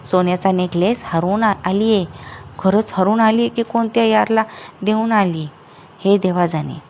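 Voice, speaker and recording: Woman narrator voicing stern mother-in-law, accusing, sharp-tongued. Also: medium pitch, normal speed, a little hiss or hum, natural voice. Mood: scolding. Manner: scolding, accusing.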